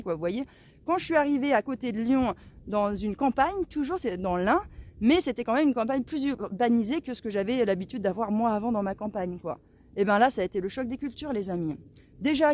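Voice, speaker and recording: A woman's voice: a little high, a little mellow. Indignant chatty French woman vlogger. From Lorraine, France. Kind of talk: casual monologue to viewers.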